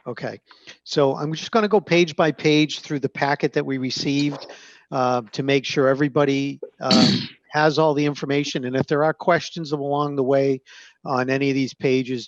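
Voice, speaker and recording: A man on a video call, presenting application documents to a zoning board page by page in a measured, hesitant way with frequent fillers. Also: medium pitch, steady tone, dry recording. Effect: heard over a video call. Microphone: computer microphone on a video call. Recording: dull, narrow-band call audio.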